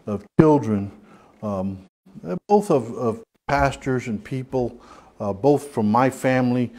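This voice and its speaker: A man with a Southern US accent leads an informal church Bible study. His voice sits at an ordinary middle pitch, and he talks in a folksy, rambling way, circling back with restarts and fillers. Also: slow pace, dark tone. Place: church hall.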